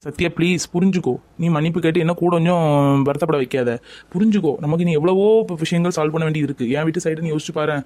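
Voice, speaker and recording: Young man, quick pleading delivery, slightly high voice, dry close sound. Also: steady tone, darkish tone, no echo. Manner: pleading, reproachful, coaxing. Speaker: lover in a family skit. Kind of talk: scripted romantic drama.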